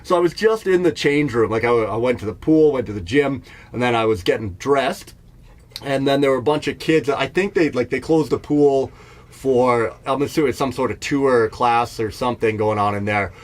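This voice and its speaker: Speaking at a normal speed with a mid-range voice, a middle-aged man from Canada delivers a casual storytelling monologue for a comedy podcast. He's in Jasper, staying in an RV, and his style is rambling and self-mocking, with laughter at his own jokes.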